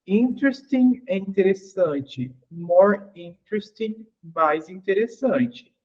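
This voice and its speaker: A man's voice: high voice, expressive, slow pace, a little mellow, muffled recording. A man teaching English grammar in an online class. He explains patiently, asks the class questions and repeats each example.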